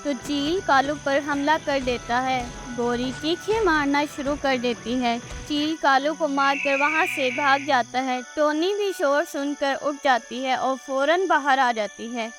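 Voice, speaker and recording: A woman's voice: high-pitched, slow pace, few pauses. A woman narrating a cartoon moral story in a plain, scripted storybook style. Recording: faint music behind the voice.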